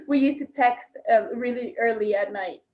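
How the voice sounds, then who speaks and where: Over a bad connection, the muffled, echoey video call carries a woman's fairly high, animated voice, a little slow. She is interpreting live and hesitates, with fillers and restarts.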